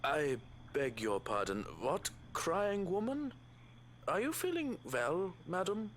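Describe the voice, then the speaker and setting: An actor playing a stiff, condescending servant of a mansion in a visual novel game, speaking formally and pompously. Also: male voice, sits high, very animated, slow pace, a little hiss or hum, full character voice. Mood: puzzled, firm.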